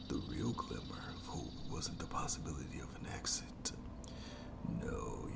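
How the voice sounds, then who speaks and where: For a scripted horror ASMR roleplay, a performer voices a gloating, sadistic monster jailer lurking under the bed. The breathy, heavily creaky whisper sits low and sounds exaggerated. The delivery is slow and theatrical, with mockingly polite menace.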